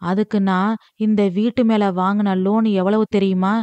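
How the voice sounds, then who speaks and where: A woman voicing a grown son who bitterly protests over the family's debts, talking fast and exasperated. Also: medium pitch, level tone, dark tone, clean tone, dry recording, dull audio, natural voice.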